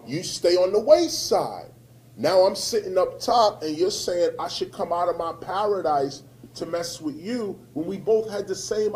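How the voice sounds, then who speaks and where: A man from the United States, a rapper, giving an impassioned public talk to an audience, emphatic and repeating key phrases, swinging between loud and hushed. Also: high-pitched, low-quality recording.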